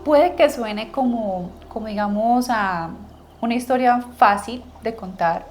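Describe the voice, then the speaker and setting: A woman hosting an interview, asking reflective, halting questions. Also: a little high, faint music behind. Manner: reflective, halting, searching for words. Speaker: host.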